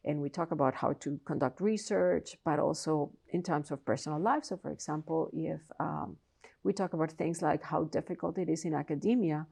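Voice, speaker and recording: This is a deep, mellow, slightly rough female voice with vocal fry. She is a Colombian professor and researcher with a Colombian Spanish accent, a guest answering interview questions earnestly and explanatorily, with frequent restarts.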